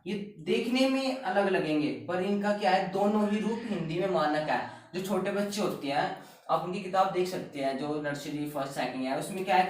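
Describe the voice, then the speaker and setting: A man teaching Hindi grammar, explaining spelling in a classroom style and keeping up a string of questions he answers himself. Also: sits high. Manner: repetitive, keeps asking and answering his own questions. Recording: very echoey room, distant mic.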